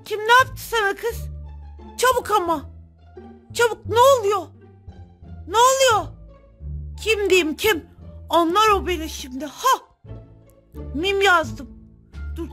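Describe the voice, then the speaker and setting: A woman hosting her gaming channel, giving chatty, excitable gameplay commentary straight to her viewers. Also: very high voice.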